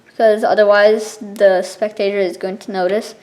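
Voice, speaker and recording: Woman giving a halting card trick tutorial. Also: medium pitch, little pitch movement, darkish tone, rough recording. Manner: informal, explanatory, halting between steps. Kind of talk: casual step-by-step spoken tutorial.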